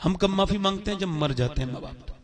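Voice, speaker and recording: A man with an Indian Urdu accent preaching a sermon, telling stories and speaking straight to the audience, often dropping to a soft low voice. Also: lively intonation. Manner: storytelling, addresses the audience directly.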